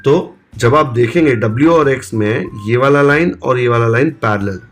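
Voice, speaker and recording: A man's voice: medium pitch, normal speed. Man teaching math step by step. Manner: explains step by step, asks and answers his own questions; mixes Hindi with English terms. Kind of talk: classroom-style video lecture.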